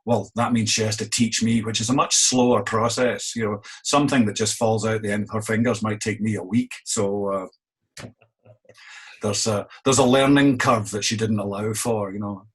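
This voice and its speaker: A man's voice: lowish voice, steady tone, moderate pace, breathy edge. A middle-aged man with a Scottish accent, an innkeeper answering interview questions in a wry, self-deprecating way. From Scotland.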